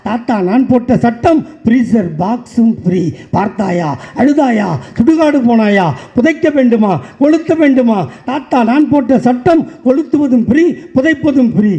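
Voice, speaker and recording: A man giving a political stage speech, repeating sarcastic rhythmic refrains that rise into shouts. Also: very high voice. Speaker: political party speaker.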